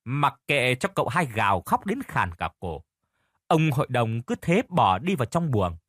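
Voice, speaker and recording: A man narrating a dramatic audiobook tale in an expressive storytelling manner. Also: moderate pace, breathy edge, dry recording, clean studio sound. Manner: expressive storytelling, lively pitch.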